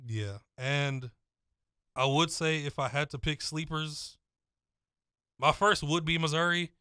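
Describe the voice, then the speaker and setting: A young man co-hosting a casual sports talk show, giving a confident, detailed breakdown in a steady flow. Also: fairly high pitch, slow, clear, resonant tone, no room sound, studio quality. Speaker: co-host.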